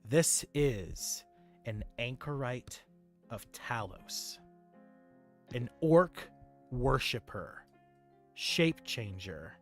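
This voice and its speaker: A man narrating a tabletop game as game master, dramatic and deliberate, pausing between short phrases. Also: on the low side. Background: music under the voice.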